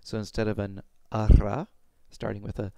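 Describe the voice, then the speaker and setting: A young adult man giving an informal, step-by-step pronunciation lesson in a halting way, speaking into a headset mic at home. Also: lowish voice, steady tone, creaky, darkish tone, no echo. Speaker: pronunciation teacher. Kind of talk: informal instructional explanation with demonstrated sounds. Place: small room at home.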